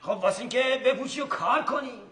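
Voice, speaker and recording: An actor playing a boastful, eccentric doctor who shouts about his science, in a stage comedy. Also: very high-pitched. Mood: bossy. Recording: echoey stage recording.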